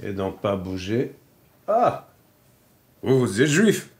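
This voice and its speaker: Slow-talking, opinionated dentist with a Bulgarian accent; chatty, needling patter. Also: male voice, lowish voice, big pitch swings, a little mellow. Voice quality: chatty, needling, chuckling asides. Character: boastful opinionated middle-aged male dentist. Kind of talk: film acting.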